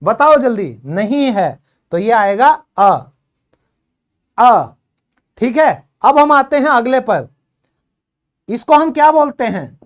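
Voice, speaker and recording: Woman, English teacher, slightly high voice, unhurried, drills words, prompts for fast answers. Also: big pitch swings. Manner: quizzing, urging quick answers; repeats words slowly for drill. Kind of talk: classroom-style video lesson.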